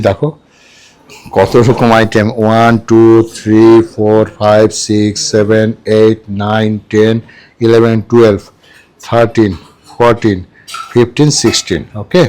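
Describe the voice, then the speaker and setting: A man's voice: on the low side, fairly even intonation, moderate pace, darkish tone, clean tone. A man chatting casually at a restaurant table as a food vlogger, repeating dish names and checking in with viewers. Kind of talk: casual food vlog chat.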